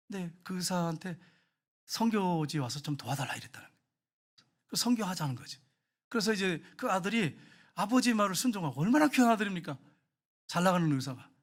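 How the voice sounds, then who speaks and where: A male pastor preaching a sermon, swinging between emphatic rising appeals and quiet storytelling, speaking straight to the congregation. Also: high voice. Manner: addresses the congregation directly, repeating points.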